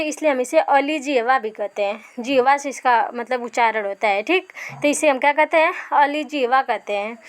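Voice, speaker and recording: High pitched lady teacher doing revision, asks stuff then answers it herself. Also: fairly bright tone. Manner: checks in with repeated "ठीक है". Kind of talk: exam revision lesson.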